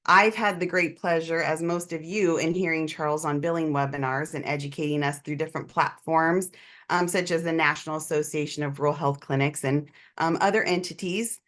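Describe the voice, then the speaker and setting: A woman's voice: deep voice, steady tone, fairly quick, a bit bright. A woman moderating a webinar who introduces the next speaker in a friendly way with lots of fillers, on a video call. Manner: friendly, filler-heavy hosting. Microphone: computer mic on a video call.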